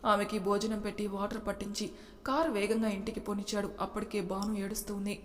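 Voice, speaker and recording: Woman reading a story out, super flat steady tone, reverb in the room. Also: medium pitch, quick pace. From Telugu-speaking India. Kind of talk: storybook narration.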